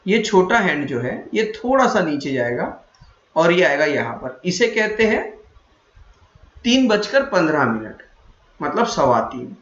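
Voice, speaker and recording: High-voiced maths teacher, echoey room. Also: male voice, big pitch swings, unhurried, fairly bright tone. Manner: repetitive, checks understanding, self-correcting. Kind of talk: classroom lesson. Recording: echoey room, dull lo-fi sound.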